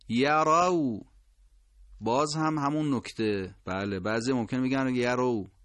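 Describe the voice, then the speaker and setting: A man teaching Quran recitation who explains patiently and corrects mistakes, slowly drawing out each example word. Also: mid-range voice, no echo. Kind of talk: instructional explanation with drawn-out pronunciation examples.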